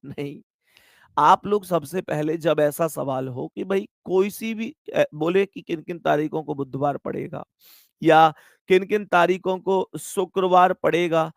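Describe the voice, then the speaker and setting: A man's voice: high-pitched, creaky, dry recording, clean studio sound. A man teaching an exam-prep class online, chatty and affectionate, often calling his students his dear friends. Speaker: maths and reasoning teacher.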